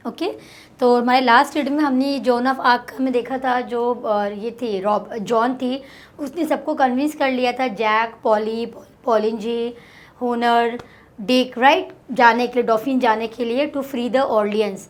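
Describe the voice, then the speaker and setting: A woman tutor with an Indian accent, reading English lines slowly and explaining them in Hindi. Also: fairly high pitch, fairly even intonation. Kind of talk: explaining a textbook lesson.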